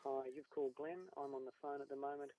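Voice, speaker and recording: A man speaks over a distant, faint phone line, his voice mellow and dark in tone. He keeps his delivery brief and matter-of-fact, with very little rise and fall. A light hiss sits under the call. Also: mid-range voice, flat delivery, fast. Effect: heard over a phone line. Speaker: councillor joining remotely.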